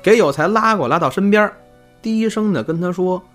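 Lively male podcast storyteller. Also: high voice, moderate pace, faint music behind. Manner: lively, chatty, laughs through asides. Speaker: storyteller host.

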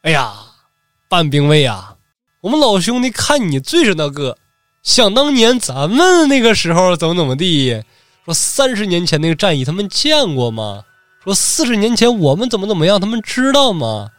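A man's voice: high-pitched, wildly swooping pitch, moderate pace, fairly bright tone, dry recording, clean studio sound, faint music behind, exaggerated voice. A man doing a coaxing old veteran samurai. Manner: coaxing, nostalgic.

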